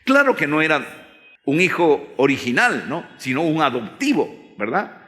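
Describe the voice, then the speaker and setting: Male Bible teacher, lively storytelling voice. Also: fairly high pitch, unhurried. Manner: storytelling, asks the audience questions. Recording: long hall reverb.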